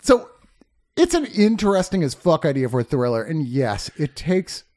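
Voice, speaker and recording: A man's voice: a little high, very animated, moderate pace, a little mellow. A man co-hosting a casual film review podcast, talking in a joking, profane way. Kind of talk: casual chat.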